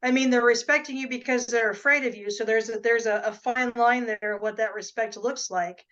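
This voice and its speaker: A woman host with a fairly high voice asks questions and sums up what her guest shares. She answers in an affirming, reflective way. The sound is a bit dull and muffled. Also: steady tone, normal speed, fairly bright tone. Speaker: interview host. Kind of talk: interview conversation.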